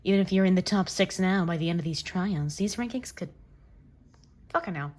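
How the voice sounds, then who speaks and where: A woman's voice: fairly low pitch, fairly quick, a little mellow, lightly acted. A woman voicing a stern, scheming male football coach who speaks in a cold, blunt, commanding way during a manga reading.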